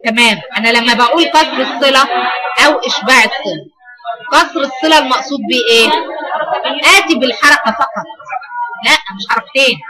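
High-voiced Egyptian woman teaching a class. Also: fast, long pauses, rough recording. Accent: Egyptian Arabic. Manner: asks students questions and repeats their answers. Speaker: Quran recitation teacher. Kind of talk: lecture on recitation variants.

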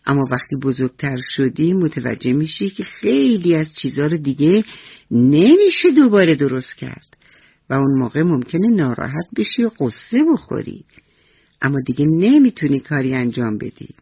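Brief: kind patient old grandfather read by a woman, tender and slow, husky tone, lo-fi radio sound. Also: sits low, big pitch swings, no echo, full character voice. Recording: dull lo-fi radio recording.

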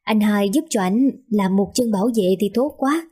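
A woman's voice: mid-range voice, normal speed, dark tone, husky, natural voice. A woman voicing a flustered aunt who coaxingly asks a favor for her husband. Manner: coaxing and pleading.

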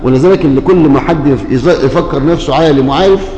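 A man's voice: on the high side, fast, dark tone, dull audio. A man with an Egyptian Arabic accent giving a Quran commentary lesson. He speaks straight to his listeners, keeps checking that they follow, and breaks into chanted recitation. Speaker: Quran teacher. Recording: echoey hall with long reverb.

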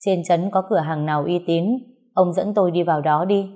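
A woman's voice: fairly low pitch, fairly even intonation, fairly quick, warm tone, close to an everyday voice. A woman reading a cool, curt young craftsman. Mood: scornful. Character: calm, proud male craftsman held captive.

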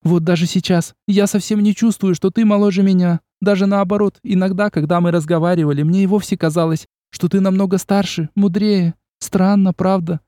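A man's voice: high voice, steady tone, brisk, hardly any pauses, dry recording, clean studio sound, pitched above the performer's own voice, natural voice. A male audiobook reader voicing a proud, fiery young noblewoman who speaks haughtily and sharply. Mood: tearful. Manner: haughty, sharp and tearful by turns. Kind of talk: audiobook character voice.

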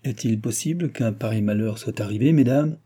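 A man's voice: on the low side, brisk, warm tone, husky. A man voicing a royal police lieutenant who talks in an earnest, deferential way.

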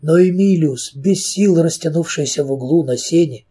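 A man narrating an audiobook with expressive storytelling. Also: on the high side, moderate pace, slightly rough.

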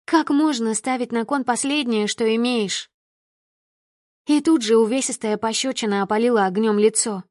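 A woman's voice: fairly high pitch, normal speed, a little mellow, no echo, studio quality. A woman narrating an audiobook in the first person with intense, emotional reading.

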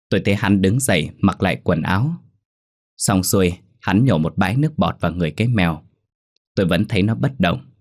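Deep-voiced male horror storyteller. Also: a little mellow. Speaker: narrator. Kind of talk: first-person horror story narration. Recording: faint background music.

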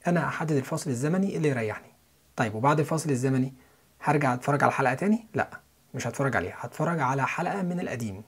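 A man's voice: mid-range voice, breathy edge. A man with an Egyptian Arabic accent, explaining English pronunciation step by step as a listening-course teacher.

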